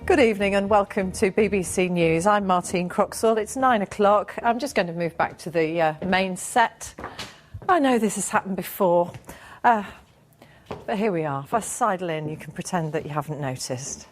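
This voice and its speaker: A woman's voice: fairly low pitch, moderate pace, soft background music. A woman with a British accent presenting the news formally, with ad-libbed asides.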